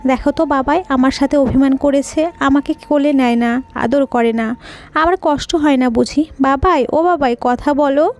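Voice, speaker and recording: A woman's voice: high-pitched, moderate pace, darkish tone, close to an everyday voice. A woman voicing a grieving little girl pleading tearfully with her silent father in an audio story.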